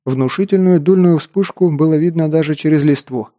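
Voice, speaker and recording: A man narrating a first-person action audiobook in a brisk, wry storytelling manner. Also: a little high, dark tone, dry recording, studio quality.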